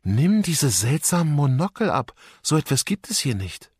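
A man's voice: a little high, big pitch swings, normal speed, a little mellow, slightly rough, no room sound, clean studio sound, voice pushed up. A man voicing a clever, bespectacled young boy who explains his ideas eagerly in a raised voice. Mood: thoughtful.

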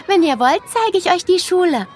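A woman voicing an eager, chatty schoolgirl showing new pupils around, in a high bright voice. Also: lively intonation, moderate pace. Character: chatty cheerful schoolgirl guide, third grader.

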